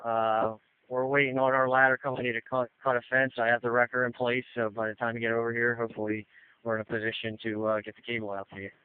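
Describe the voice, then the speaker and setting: A man's voice: medium pitch, little pitch movement, quick pace, smooth, dry recording. A man speaking matter-of-factly as an incident commander in emergency two-way radio traffic, through a narrowband radio transmission.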